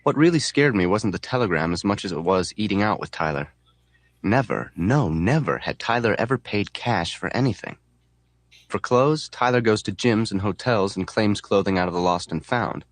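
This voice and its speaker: A man narrating an audiobook in a deadpan, wry tone. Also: deep voice, no echo. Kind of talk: scripted narration.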